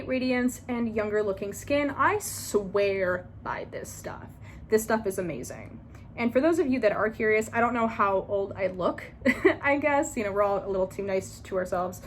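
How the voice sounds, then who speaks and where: A woman's voice: mid-range voice, expressive, normal speed, a little hiss or hum. Chatty young woman doing a skincare tutorial. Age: 20s. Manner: chatty, rambling, with fillers and little laughs. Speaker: beauty vlogger.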